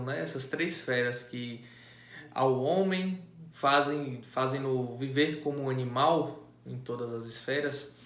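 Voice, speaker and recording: A man explaining a classic poem in a casual, halting way, often restarting phrases and adding tag questions. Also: medium pitch, a bit bright. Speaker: amateur literature explainer. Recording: echoey room.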